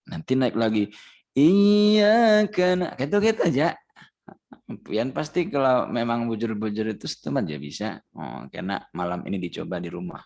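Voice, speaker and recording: A man with a Banjar Indonesian accent and a lowish, gravelly, darkish voice teaches a Ramadan Quran recitation class at normal speed. He patiently chants verses as examples and quizzes his students.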